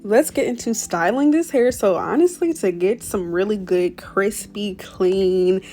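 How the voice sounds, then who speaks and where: A woman's voice: medium pitch, a little slow, warm tone, soft background music. A young woman giving a casual, chatty voice-over for a hair tutorial, full of slang, small stumbles and restarts. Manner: chatty, slangy, apologizes for stuttering. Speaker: beauty vlogger.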